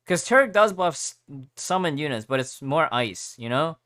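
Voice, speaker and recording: A man's voice: a little high, very animated, normal speed, fairly bright tone, no echo. A man giving casual, conversational commentary on a game as he livestreams it.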